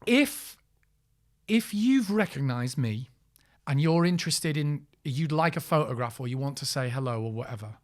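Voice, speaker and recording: Lively, animated man in casual chat. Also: mid-range voice, normal speed. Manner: animated storyteller, frank and expressive. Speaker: podcast co-host. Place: small podcast booth.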